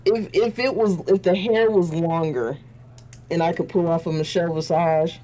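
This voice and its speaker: A woman's voice: lowish voice, steady tone, normal speed, warm tone, poor audio. A woman co-hosting a casual review chat, telling stories in a chatty way and laughing often. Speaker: podcast co-host.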